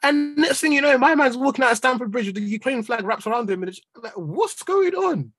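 Talking fast in a very high-pitched voice with a steady tone and a fairly bright quality, a young man vents his exasperation during casual football chat. He's a football podcast panellist and Chelsea supporter with an urban London accent and street slang.

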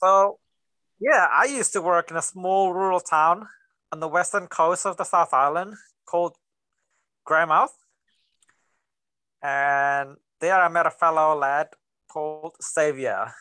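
With a fairly high, sharp, clean voice on a dry recording, a young Singaporean man with a Singaporean–New Zealand accent takes things slowly and pauses often. He co-hosts a casual podcast chat, relaxed and joking, full of bro slang.

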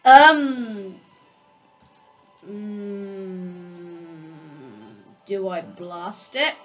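Female tabletop player: very bright, forceful voice, playful casual banter, foul-mouthed, music in the background. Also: mid-range voice, lively intonation, drawn-out words. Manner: playful, sweary. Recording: music behind the voice.

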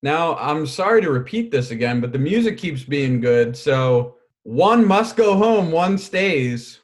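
Lively, wry male podcast host. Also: a little high, a little slow. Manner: lively, wry, runs the segment. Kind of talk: casual chat.

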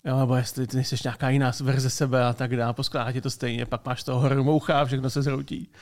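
A man's voice: medium pitch, flat delivery, a little mellow. A young man co-hosting a casual tech podcast, explaining ideas at length in speech with joking asides. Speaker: podcast co-host.

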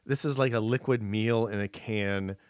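A man's voice: lowish voice, steady tone, normal speed, no echo, clean studio sound. A man from the US Pacific Northwest co-hosting a podcast in easygoing, rambling casual chat. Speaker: podcast co-host.

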